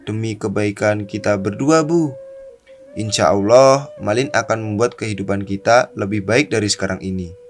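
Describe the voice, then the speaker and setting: A man's voice: on the low side, natural voice. A man playing an earnest, devoted young village son in a radio drama, with formal theatrical delivery.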